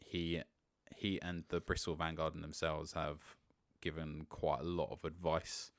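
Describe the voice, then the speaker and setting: A man's voice: rumbling low, flat delivery, unhurried, dry recording, studio quality. A man who organises a gaming club, chatting casually as a podcast guest, rambling and self-deprecating with frequent laughs. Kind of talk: casual interview chat.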